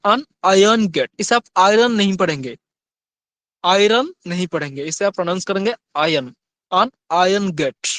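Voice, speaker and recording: A man teaching grammar in Hindi, reading examples slowly and then asking his students quick questions. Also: high-pitched, fairly bright tone, no room sound. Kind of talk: Hindi-English grammar lesson.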